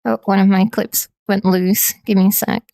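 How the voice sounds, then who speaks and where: A woman's voice: medium pitch, level tone, moderate pace, vocal fry, warm tone, no echo, studio quality. A woman streamer in casual, playful chat with her viewers, teasing them lightly.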